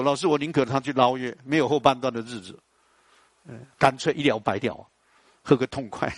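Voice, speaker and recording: A man, lecturing a class in an animated, storytelling way and putting questions to the audience. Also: a little high, no echo.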